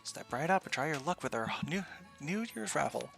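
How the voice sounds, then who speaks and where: A man voicing an upbeat raffle announcer with booming prize-hawking patter in a video game. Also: animated, moderate pace, gravelly, a bit bright, soft background music.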